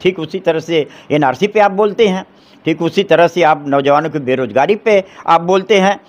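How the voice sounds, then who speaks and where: Forceful middle-aged man. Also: on the high side, moderate pace, muffled recording. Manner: forceful, rhetorical questions, frequent restarts. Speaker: advocate interviewed on the election. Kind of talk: street interview, political opinion.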